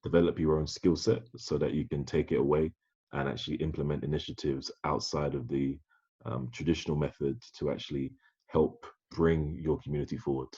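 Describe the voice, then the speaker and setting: A man with a very deep, dark and husky voice hosts a podcast conversation. He talks thoughtfully and often restarts his sentences. The recording sounds dull and lo-fi. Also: steady tone, fairly quick. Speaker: podcast host.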